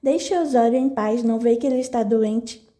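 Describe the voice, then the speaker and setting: A woman's voice: on the high side, moderate pace, mellow, close to an everyday voice. A woman voicing a blunt, curt old female cook on a farm in an audiobook.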